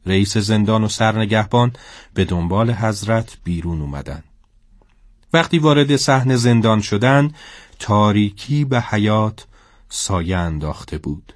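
Man, storybook narrator, low voice, very dry close recording. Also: expressive, no room sound.

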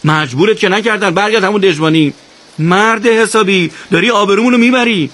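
A man voicing a short-tempered young male soldier who shouts and scolds a complaining comrade. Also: sits high, pitched above the performer's own voice. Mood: exasperated. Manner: shouting, exasperated.

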